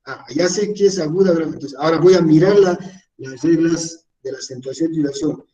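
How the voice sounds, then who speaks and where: A man's voice: a little high, a little fast, warm tone, recorded from a distance, highs cut off, slight background noise. A man teaching a class, explaining rules step by step and checking in with his listeners. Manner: explains step by step, repeats syllables, asks "¿no?". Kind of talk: online class lecture. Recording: voice from away from the mic.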